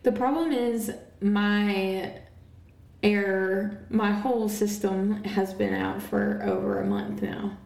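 Gravelly woman co-host in a roomy echo. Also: medium pitch, steady tone, slow pace, a little mellow. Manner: chatty, laughs often. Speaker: podcast co-host. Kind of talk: casual chat.

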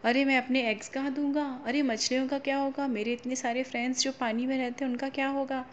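A woman's voice: on the high side, steady tone, unhurried, muffled recording, slight background noise, natural voice. A woman voicing a curious, easily worried young crab in a children's storybook tale. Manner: eager, worried questions.

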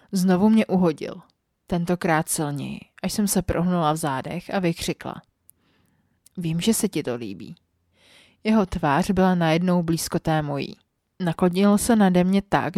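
A woman narrating a story for her podcast in a soft, intimate voice that often sinks close to a whisper. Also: fairly low pitch, no echo. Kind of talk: scripted audiobook-style story narration.

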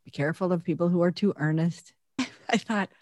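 A woman's voice: on the low side, fairly even intonation, a little fast, warm tone, no echo. A woman co-hosting a casual faith-based chat, earnest and intense, laughing often as she talks. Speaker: podcast co-host.

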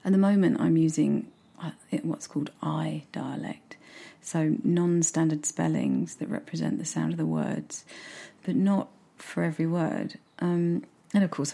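A woman with a regional British accent who drops her consonants talks reflectively about her writing, often sinking into a near-whisper. Her voice is low, dark and husky, with a mellow, unhurried warmth. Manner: soft-spoken, often drops to a whisper, musing. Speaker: writer vlogging about her novel draft. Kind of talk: casual reflective talk to camera.

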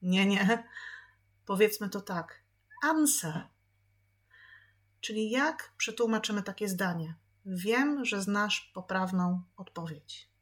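Female tutor, measured, unhurried delivery, repeats words for learners. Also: mid-range voice. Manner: patient, repeats words slowly for practice. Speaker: English pronunciation teacher. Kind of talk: podcast lesson.

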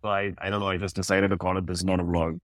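Brief: relaxed guest, man in his 30s from Russia, low voice, close dry mic. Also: very fast, dry recording. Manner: laid-back, laughs often, many fillers. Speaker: podcast guest, content creator. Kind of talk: casual chat.

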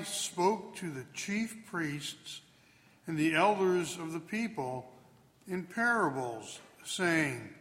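A man reading the Gospel aloud at Mass in a slow, deliberate, solemn proclamation, his voice carried by a cathedral echo. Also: fairly bright tone. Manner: slow, deliberate proclamation with wide pitch swings. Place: large church. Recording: long cathedral reverb.

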